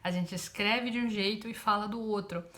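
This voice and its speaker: Woman, Carioca Brazilian accent, casual teacher, hesitant fillers, medium pitch. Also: steady tone, fairly bright tone. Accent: Carioca Brazilian Portuguese. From Rio de Janeiro, Brazil. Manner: hesitant, many filler pauses. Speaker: Japanese teacher. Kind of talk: casual explanatory lesson.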